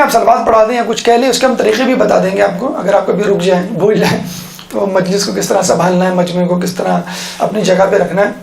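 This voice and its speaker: A woman's voice: mid-range voice, creaky, roomy sound. A woman giving an instructional lecture on how to give sermons, explaining step by step and often checking in with her listeners. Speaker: religious teacher.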